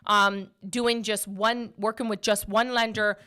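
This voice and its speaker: A woman's voice: medium pitch, level tone, unhurried, pushed and bright, smooth. A woman in her forties hosting a casual motivational talk show. She speaks emphatically, repeats her points and often ends with "right?". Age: 40s. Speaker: podcast host.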